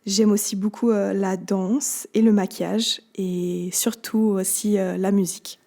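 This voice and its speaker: A woman in her twenties from Switzerland, speaking as a podcast guest. Her voice is mellow and warm, set at a middle pitch. She talks haltingly, filling her pauses as she thinks. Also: level tone. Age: 20s. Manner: hesitant, many fillers. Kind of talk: conversational interview.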